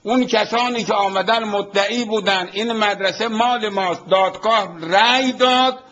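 A man, a cleric in a studio, answering a caller calmly and patiently, explaining his point. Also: sits high, poor audio. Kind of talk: studio debate.

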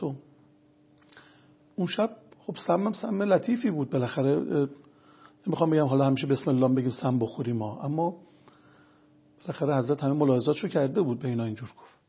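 A fairly high-voiced man with a gravelly, deeply raspy tone explains his points one after another as an invited lecturer. He talks in an earnest, storytelling way. The sound is dull and lo-fi, like an old broadcast. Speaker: religious health lecturer guest.

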